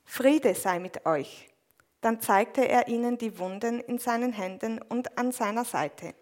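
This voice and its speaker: A woman reading a Bible passage aloud in a measured, even way, then interpreting a sermon line by line. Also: a little high. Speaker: scripture reader and interpreter.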